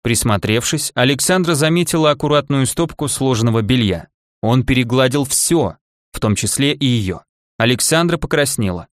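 Guy narrating an audiobook, calm and measured, mid voice, dry close recording. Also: medium pitch, no echo. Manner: even, measured storytelling. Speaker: audiobook reader. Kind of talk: scripted narration.

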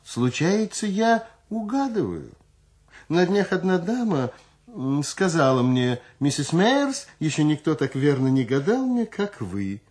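A man's voice: on the high side, big pitch swings, unhurried, a little mellow, pitched above the performer's own voice. Man putting on a shrewd old fortune-teller woman. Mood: nonchalant.

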